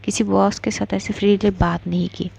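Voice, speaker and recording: A woman's voice: mid-range voice, level tone, moderate pace, vocal fry, mellow, slight background noise. A woman voicing a nervous young female employee who stammers and keeps apologizing.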